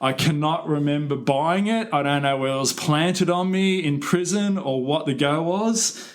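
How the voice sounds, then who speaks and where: A man's voice: a little high, normal speed. Australian man telling a wild story. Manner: swears freely, animated storyteller. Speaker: podcast co-host. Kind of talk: casual storytelling.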